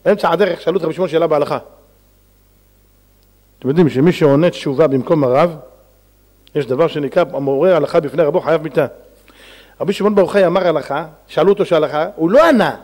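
A man, a rabbi, giving a lively storytelling sermon who acts out the characters' lines with big swings in pitch and volume. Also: pauses often. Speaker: rabbi giving a Torah lesson.

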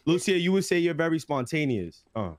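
A man's voice: a little high, sing-song, brisk, crowd noise. A man in his twenties, a game show contestant in role-play, brash and joking. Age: 20s. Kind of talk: casual role-play chat.

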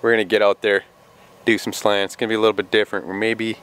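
A man in his thirties, an excitable fishing vlogger, talking casually outdoors by a lake and in a small boat into a handheld camera. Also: fairly low pitch, fast, clean tone. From Minnesota. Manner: excitable, hyped-up fishing talk. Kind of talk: casual outdoor vlog talk. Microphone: camera mic, handheld at arm's length then on a mount. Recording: outdoor camera audio with music behind. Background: music.

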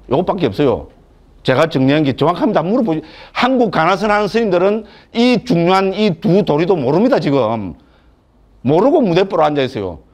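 A Buddhist monk gives a scripture lecture, his fairly high voice swinging up and down. He keeps it chatty and joking, tossing rhetorical questions at the class. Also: a little mellow.

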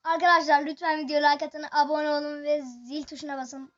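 A gaming video host giving excited, chatty live commentary on a match and talking straight to the viewers. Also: high voice, a little fast, highs cut off, noisy background.

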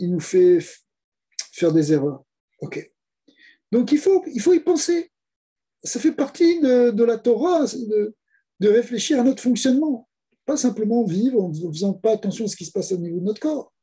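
A man's voice: high-pitched, warm tone, slightly rough. A man, a rabbi, giving a Torah lesson, explaining step by step with rhetorical questions and repeated key words. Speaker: rabbi teaching.

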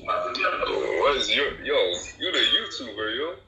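A man with a deep, firm voice chatting casually over a phone video call. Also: expressive, slow, sharp tone, echoey room. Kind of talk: casual chat.

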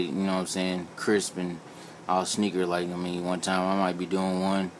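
A low-voiced American man from Indiana rambles and jokes in colloquial style as an amateur sneaker reviewer in a casual vlog chat. He's recorded at home on an old flip phone held behind the camera, so the audio is low quality with slight background noise.

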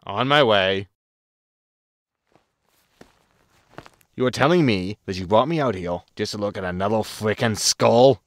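In a sci-fi comedy audio drama, a man plays a wry, exasperated spaceship captain who grumbles and barks orders sarcastically. His voice is natural and lowish, at a normal speed.

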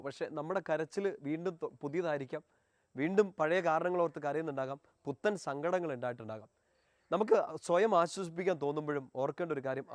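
A man preaching a sermon, earnest and pleading, rising in force and then dropping soft. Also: fairly high pitch, no room sound, studio quality.

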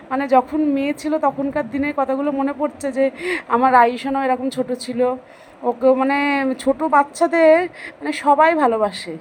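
A woman's voice: high voice, slight background noise, low-quality recording. A middle-aged woman vlogger narrating family photos in a chatty, affectionate way, stopping to explain who is who in the family.

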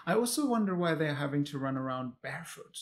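A man co-hosting a reaction video, chatting casually and animatedly about an episode, quick to laugh. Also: on the high side, expressive. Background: show audio and music playing.

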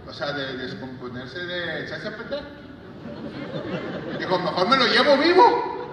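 A Mexican man doing stand-up comedy, telling crude jokes deadpan and landing them with a catchphrase. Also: high-pitched, measured pace, noisy background. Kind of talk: stand-up joke telling on stage. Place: large auditorium. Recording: echoey hall audio from far off, loud crowd.

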